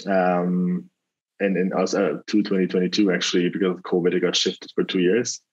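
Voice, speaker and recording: A man speaks in a very low, husky voice that stays flat and level. He talks casually and rambles, piling on fillers and restarts. The sound comes through dull lo-fi call audio. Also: brisk. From Germany. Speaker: venture capital investor, guest. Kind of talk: casual interview over a call.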